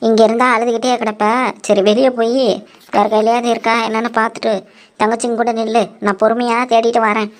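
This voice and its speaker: A woman's voice: on the high side, flat delivery, quick pace. Bossy cartoon village woman. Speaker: cartoon narrator and voice actor. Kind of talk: cartoon voice acting.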